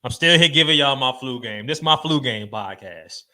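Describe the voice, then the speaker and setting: Stuffy-nosed man, bright sports rant. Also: medium pitch, expressive, normal speed. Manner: loose, emphatic slang-heavy rant with frequent fillers. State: congested, stuffed up with a cold. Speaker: podcast host. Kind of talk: casual sports talk.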